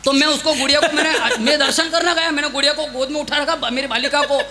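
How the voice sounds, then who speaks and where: A man's voice: very high voice, steady tone, fast talker, bright, forceful tone. A man telling self-mocking comic stories on stage and urging the crowd to clap. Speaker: stand-up comedy poet. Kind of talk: live comic storytelling on stage. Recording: live stage mic in a large hall.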